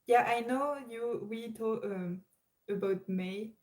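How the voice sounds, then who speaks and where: A woman's voice: fairly high pitch, slow, a little mellow, low-quality recording. A young woman with a French accent hosting a casual livestream chat, hesitant with many fillers and restarts. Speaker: livestream host.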